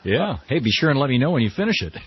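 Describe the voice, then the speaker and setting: A man's voice: mid-range voice, sing-song, racing, a little hiss or hum. A man hosting a live radio talk show in a conversational way. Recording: dull radio broadcast audio, faint music.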